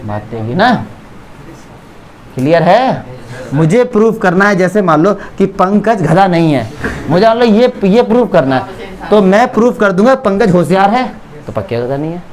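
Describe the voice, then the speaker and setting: A man with an Indian accent teaches a geometry lesson in class, his high-sitting voice swinging widely in pitch at a normal pace. He is chatty and teasing and keeps checking that his students follow.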